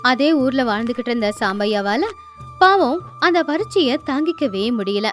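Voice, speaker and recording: A woman narrating a moral storybook tale in a gently emphatic storytelling manner, with faint music underneath. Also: on the high side, lively intonation, normal speed.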